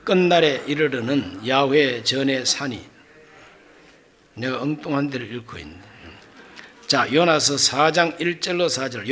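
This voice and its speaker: A middle-aged male pastor preaching a sermon, acting out dialogue with loud exclamations and quiet asides. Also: fairly high pitch, a little hiss or hum.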